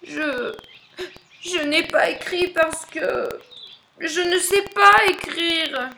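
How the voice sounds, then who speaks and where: A woman voicing a proud, hot-tempered but tender male lion in a storybook, shouting and wailing in high outbursts. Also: extremely slow, gravelly, slight background noise, full character voice, poor audio. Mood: shy.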